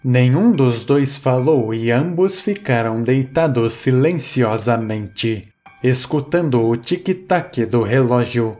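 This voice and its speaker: A man reading a horror story aloud in a measured, suspenseful way, as the channel's narrator. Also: medium pitch. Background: soft music.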